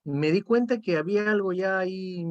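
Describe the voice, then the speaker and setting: A man's voice: high-pitched, normal speed, darkish tone, no echo, lo-fi sound. A man, a psychotherapist chatting reflectively and often tagging his sentences with "¿no?". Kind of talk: casual conversation.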